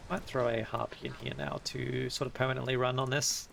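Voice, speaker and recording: A man's voice: mid-range voice, flat delivery, a little fast, vocal fry, background noise. A man streaming a strategy game, talking casually to himself, correcting himself and musing over choices. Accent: Australian. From Australia. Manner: thinking aloud, self-correcting. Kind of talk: casual gameplay commentary. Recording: music playing under voice.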